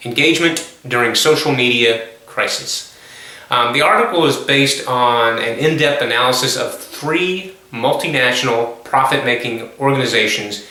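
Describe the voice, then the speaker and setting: A male course instructor giving a recorded online lecture, measured and explanatory, with frequent ums and self-corrections. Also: medium pitch, sharp tone. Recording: very echoey room.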